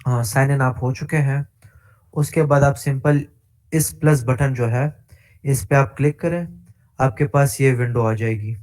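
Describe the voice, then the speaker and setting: A male instructor walking through a coding tutorial step by step, pausing with frequent hesitations and mixing English tech terms into his speech. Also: mid-range voice, fairly even intonation, darkish tone. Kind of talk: screen-share coding tutorial.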